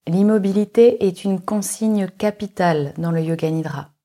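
In a guided relaxation session, a woman acting as a yoga nidra instructor speaks in a mid-range voice, calmly and measuredly, leaving long pauses between instructions.

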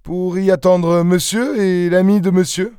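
A man's voice: high-pitched, steady tone, a little slow, warm tone, smooth, no echo, clean studio sound, voice pushed up. Man voicing a deferential chauffeur. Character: plain deferential male chauffeur. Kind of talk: audiobook character voice.

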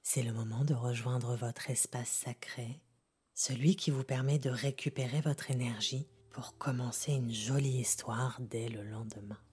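A woman softly guiding a sleep meditation like a sleep story narrator, half-whispering in a calm, gentle, unhurried way. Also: extremely low pitch. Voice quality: soft, breathy, half-whispered. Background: music.

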